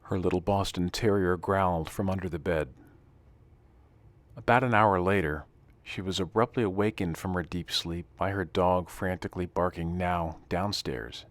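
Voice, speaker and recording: Deep-voiced man narrating, dry sound. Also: normal speed, no room sound. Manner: calm, steady reading with hushed dramatic passages. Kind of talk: scripted story narration.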